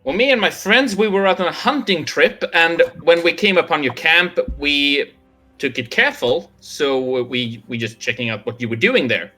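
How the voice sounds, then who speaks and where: A man's voice: a little high, animated, normal speed, bright, forceful tone, soft background music. A man voicing a defiant young woman adventurer who answers her captor flippantly.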